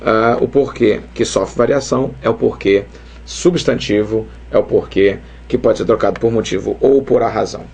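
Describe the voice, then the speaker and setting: Gravelly man teaching grammar. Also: on the low side, normal speed. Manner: lively, chatty, keeps checking in with the viewer. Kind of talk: Portuguese grammar lesson at a whiteboard.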